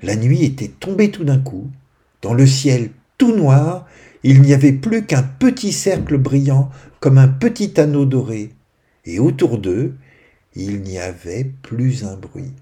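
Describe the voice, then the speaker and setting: A man narrating a children's bedtime story in a gentle, expressive way, dropping to a hush at quiet moments. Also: medium pitch, unhurried.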